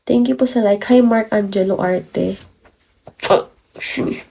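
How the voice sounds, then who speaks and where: A woman's voice: medium pitch, slow pace, vocal fry, mellow. A nineteen-year-old woman from the Philippines chatting on a livestream while tired and sick with a cold, greeting viewers and thanking them one by one. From Philippines, from Baguio. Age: 19, late teens. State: has a cold, tired and achy. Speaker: livestreamer, college student.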